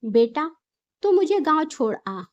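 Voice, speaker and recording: A woman voicing an angry, stubborn older mother-in-law in a spoken storybook, talking in a sharp, scolding, insistent way. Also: sits high, big pitch swings, a little slow, muffled recording.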